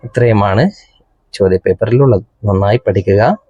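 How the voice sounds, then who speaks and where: A man teaching an Arabic exam paper, reading each line slowly and then translating it for young pupils. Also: fairly low pitch, mellow, husky, no room sound, highs cut off. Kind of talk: exam paper walkthrough lesson.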